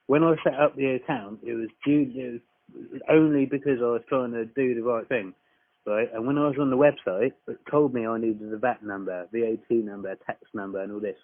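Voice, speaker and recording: On a recorded phone call, a man disputes a tax account, complaining in an insistent, blunt and repetitive way. His medium-pitched voice is fairly quick with fairly even intonation, and the lo-fi audio is dry and dull with no echo.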